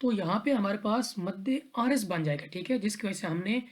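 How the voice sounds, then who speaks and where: A woman's voice: mid-range voice, lively intonation, brisk. A woman teaching tajweed, explaining recitation rules one letter at a time in a patient, repetitive way. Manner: patient, step-by-step, repeats rules and checks in with "theek hai".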